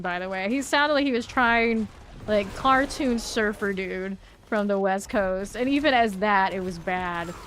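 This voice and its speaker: A woman's voice: a little high, fairly bright tone. A woman streaming a game, chatting casually and rambling to her viewers as she plays. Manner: chatty, rambling, talks to chat. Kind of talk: casual gameplay chat.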